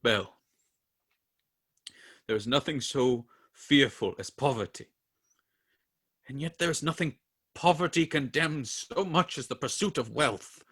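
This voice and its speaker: An actor playing Ebenezer Scrooge in a radio play, an older miser looking back on his past in a wistful, excitable, pleading way. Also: medium pitch, a little slow, long pauses, husky.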